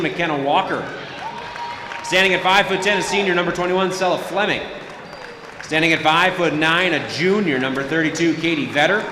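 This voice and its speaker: A man working as a public address announcer, calling starting lineups like a stadium announcer, echoing through a gym. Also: fairly high pitch. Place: indoor basketball gym over PA. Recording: echoing gym PA, loud crowd noise.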